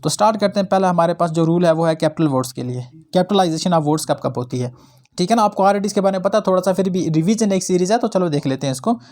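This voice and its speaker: Young guy doing a grammar lesson, kinda high voice, keeps going "theek hai na". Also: lively intonation, fast talker, darkish tone. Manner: explains in Hindi-English mix, repeats "ठीक है ना". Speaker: English grammar teacher.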